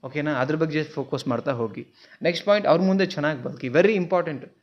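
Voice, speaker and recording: Male counselor, earnest and repetitive, voice on the higher side, dull recording. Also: fast. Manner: earnest, repeats points, mixes English words into Kannada. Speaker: relationship counselor. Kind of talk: advice talk to viewers. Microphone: mic in front of him while seated.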